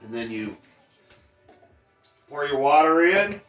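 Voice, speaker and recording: A man with a slightly high voice talks like an easygoing stoner while showing how to cook. He sounds off the mic in a roomy, echoey space with faint noise behind him. His delivery is casual and slangy. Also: lively intonation, slow pace, fairly bright tone, distant mic, faint music behind. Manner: laid-back stoner slang. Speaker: cooking show host. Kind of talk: casual cooking demonstration.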